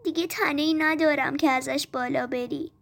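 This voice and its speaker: Woman doing a tender, high-voiced giving tree. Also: steady tone. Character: gentle loving old tree, giving and self-sacrificing. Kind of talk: storybook narration.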